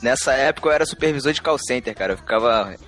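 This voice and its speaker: A man, a podcast co-host, telling a story in casual chat, animated, laughing often and repeating himself. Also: medium pitch, fast talker, soft background music.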